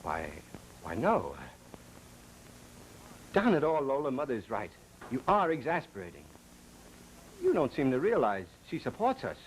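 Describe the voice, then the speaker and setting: An actor playing a weak, defensive young husband in a vintage film drama. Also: male voice, mid-range voice, huge pitch swings, unhurried, long pauses. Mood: defensive, exasperated. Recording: noisy old film soundtrack.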